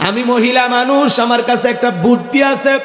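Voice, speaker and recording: A man's voice: extremely high pitch, fairly even intonation, brisk, soft background music, pitched above the performer's own voice. A man voicing a scheming young wife who coaxes her husband in a sly, persuading way. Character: scheming young wife plotting against her mother-in-law. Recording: echoey hall over loudspeakers.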